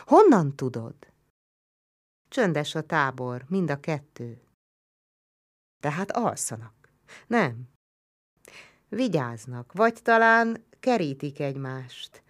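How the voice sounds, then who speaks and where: A woman narrating a historical novel as an audiobook in a measured, grave storytelling manner. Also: low-pitched, big pitch swings, a bit bright.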